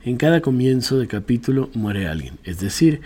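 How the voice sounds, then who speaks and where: A man reading a personal essay aloud in a measured, reflective way, now and then correcting a slip. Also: medium pitch, sing-song, mellow. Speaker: reader.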